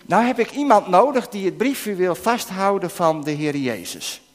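A man leading an interactive children's talk in church, coaxing the kids with questions and now and then breaking into shouts. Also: sits high, lively intonation, moderate pace. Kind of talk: interactive object lesson with children. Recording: long hall reverb.

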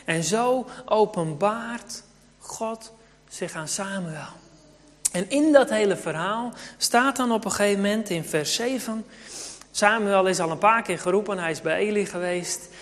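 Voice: mid-range voice, a little slow, a bit bright, long reverb tail. A preacher giving a sermon and telling a Bible story, turning now and then to speak to the children in the congregation.

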